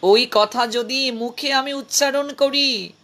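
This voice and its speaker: A man voicing a remorseful young courtesan who begs a saint for forgiveness, in a drawn-out, pleading, self-reproaching manner. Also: extremely high pitch, steady tone, bright, forceful tone, pitched above the performer's own voice, full character voice.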